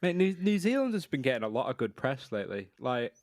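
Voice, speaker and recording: British lad on a podcast, chatty n sweary, average pitch, no room echo. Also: male voice, sing-song, fast talker, a little mellow, clean studio sound. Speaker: podcast co-host. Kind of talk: casual podcast chat.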